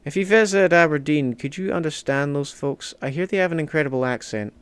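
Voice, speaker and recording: A man's voice: fairly high pitch, a little fast, clean tone. A Scottish man streaming a strategy game, chatting casually and rambling with lots of "like" fillers. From Scotland. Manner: rambling, heavy use of "like" fillers.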